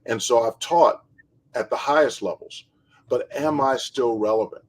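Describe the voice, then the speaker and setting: Measured man hosting a chat. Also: medium pitch, husky, low-quality recording. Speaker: show host, basketball trainer. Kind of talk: casual interview talk.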